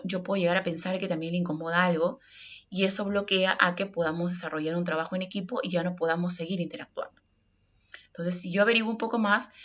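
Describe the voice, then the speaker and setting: A course instructor with a Peruvian Spanish accent gives an online lesson on workplace communication, walking through it step by step and frequently checking in with "ok?". Her voice is lowish with a fairly bright tone, though the high frequencies are cut off.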